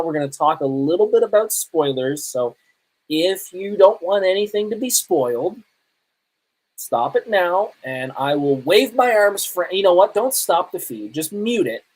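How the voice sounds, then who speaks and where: On a casual live podcast, a male host with a somewhat high voice talks through reviews in a rambling, conversational way, frequently correcting himself. The audio quality is poor.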